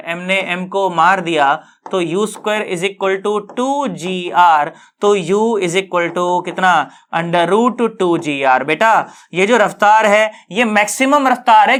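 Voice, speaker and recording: A man's voice: high-pitched, a bit bright. A male physics teacher giving an online lesson. He talks colloquially and jokes, mixes in English physics terms, and keeps asking students whether they have understood.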